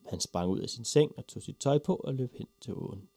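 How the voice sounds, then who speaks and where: A man reading a children's story aloud with a lively, expressive delivery. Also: mid-range voice, vocal fry, dry recording. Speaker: narrator.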